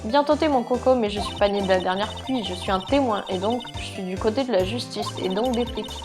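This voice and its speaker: A woman's voice: mid-range voice, a little fast, natural voice. A woman voicing a brash, outspoken female photographer witness in a video game, read in a blunt, streetwise way over game music. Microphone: lapel mic.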